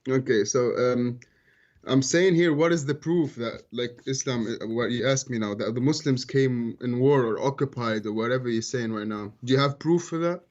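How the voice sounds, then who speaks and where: A man's voice: mid-range voice, normal speed, darkish tone. Young male caller on a dull call line. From Tunisia. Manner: casual, defensive, heavy use of "like" and "bro".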